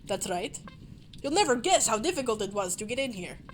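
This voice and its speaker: A woman's voice: on the high side, sing-song, a little fast, a little hiss or hum. A woman voicing a polite, modest male movie star in a put-on Russian accent. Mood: gracious. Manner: courteous, gracious.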